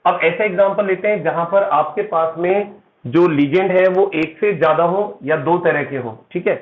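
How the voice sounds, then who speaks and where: A man's voice: high voice, moderate pace. A male chemistry teacher giving a classroom lecture, explaining step by step, calling his students "beta" and checking in with "theek hai". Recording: echoey room, tinny phone-like sound.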